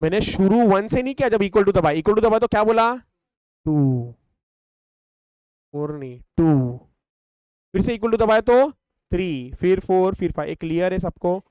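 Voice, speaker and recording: A young Indian man leads a math class in a fairly high, smooth voice, firing questions at his students and answering them himself. He counts off steps aloud as he works a calculator, and the recording is close and dry. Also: animated, measured pace, long pauses, darkish tone, no room sound. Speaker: math tutor.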